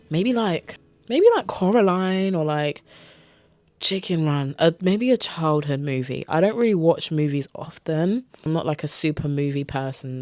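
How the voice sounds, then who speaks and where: A woman's voice: low-pitched, darkish tone, no echo. A woman in her twenties from South London, with an accent mixing London and Kent, answering viewer questions in a casual vlog from her bedroom, chatty and candid with frequent asides. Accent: London and Kent mix. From South London, England. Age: 20s. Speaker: vlogger. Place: her bedroom, sitting on a beanbag chair. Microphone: camera in front of her.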